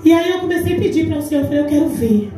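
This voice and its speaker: Rapid-fire and warm-toned, a high-voiced Brazilian woman in her forties, serving as a deaconess, gives an emphatic testimony sermon to a women's congress and acts out the dialogue within it. Her accent is Brazilian Portuguese, and she's captured from far away in an echoing church hall, faint music playing.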